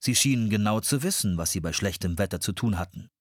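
A man narrates a children's adventure audiobook with expressive storytelling. His voice is on the low side and fast, captured on a close studio mic with no echo.

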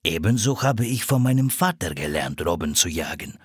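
Patient storybook seal hunter, slow measured words, low husky voice, as a man voices him. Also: very animated, dry recording, studio quality, exaggerated voice. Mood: calm. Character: calm, kindly older male seal hunter.

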